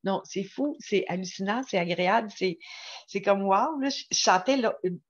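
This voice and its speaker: A woman with a Quebec French accent talking casually to her viewers about spirituality, excited and rambling with many restarts. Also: medium pitch, normal speed, lo-fi sound. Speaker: spiritual vlogger.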